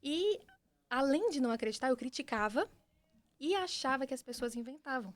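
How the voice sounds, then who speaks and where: A young woman with a Brazilian Portuguese accent, a podcast guest giving an earnest, animated personal testimony with frequent restarts. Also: high-pitched, brisk. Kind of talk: personal testimony in casual conversation.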